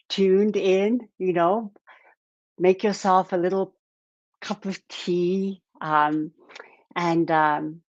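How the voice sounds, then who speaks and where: Slow low-voiced woman hosting a live stream. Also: no room sound. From Japan. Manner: unhurried, warm-toned, many fillers and repeated words. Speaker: live stream podcast host. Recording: dull lo-fi dry sound.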